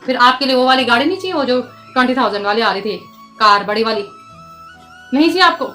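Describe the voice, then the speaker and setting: A woman in her thirties with a high voice, coaxing and soothing her child in a casual home vlog. She talks softly and patiently, and faint music plays behind her. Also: expressive, fast talker. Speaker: vlogger, mother. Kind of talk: casual family vlog talk.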